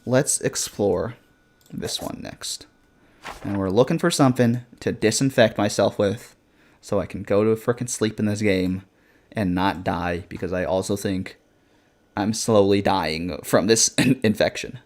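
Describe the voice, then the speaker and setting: A man's voice: on the low side, measured pace, a little mellow. A man streaming a horror game live, commenting casually with slang and reacting in a scared, jumpy way. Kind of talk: live gaming commentary with asides to chat.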